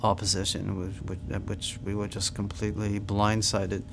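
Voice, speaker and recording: An older man from Australia, a rabbi, speaking in an interview indoors, halting with fillers and restarts. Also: on the low side, completely flat delivery, gravelly, noisy background. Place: indoor room. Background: music.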